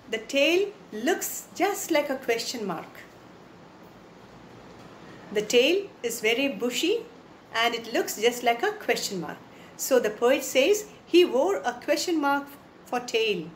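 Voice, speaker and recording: A woman teacher with an Indian English accent and a high voice walks her class through a poem. She repeats the lines patiently and keeps asking the children if they follow. There is a faint hiss of background noise. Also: echoey room. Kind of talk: online class poem explanation.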